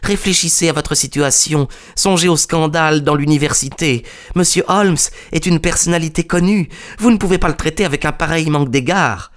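Anxious young assistant, pitched well above the reader's own voice, plaintive, as a male narrator puts him on. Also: normal speed, few pauses, close to an everyday voice. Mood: pleading. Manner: anxious, pleading. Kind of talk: audiobook character reading.

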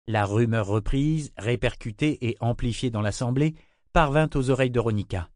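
A man narrates an audiobook in a steady, measured voice of middle pitch. The recording is dry and close, with no room sound around him. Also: no room sound. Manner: even, measured reading. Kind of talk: scripted narration.

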